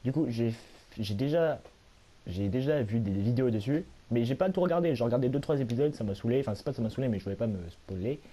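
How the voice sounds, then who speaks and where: A hoarse young man, a little sick, giving rambling, self-mocking commentary while he plays a video game at home. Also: medium pitch, lively intonation, fast talker, warm tone. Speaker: gaming YouTuber. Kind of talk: casual let's-play commentary.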